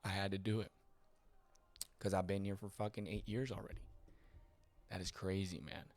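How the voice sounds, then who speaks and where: A man hosting his own podcast, telling life stories in a loose, animated way, swearing and dropping slangy asides. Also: low voice, moderate pace. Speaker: podcast host. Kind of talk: casual personal storytelling monologue.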